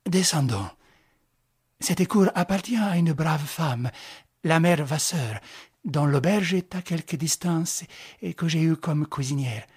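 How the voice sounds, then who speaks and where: A husky-voiced reader voicing an elegant countess in an audiobook, speaking in a poised, gently instructing way. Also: mid-range voice, slow. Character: elegant countess, gracious woman.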